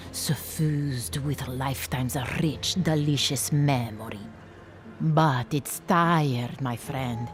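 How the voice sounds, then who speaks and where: A showy soul-machine peddler, fake Italian accent. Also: female voice. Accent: put-on Italian accent. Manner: grand, pitchy sales patter. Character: theatrical traveling salesman of a soul machine.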